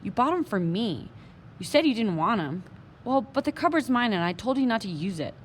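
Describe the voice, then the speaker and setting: A woman's voice: mid-range voice, very animated, normal speed, a little hiss or hum, lightly acted. A woman reading aloud and voicing a sensible young boy who speaks firmly and reasons with his friend.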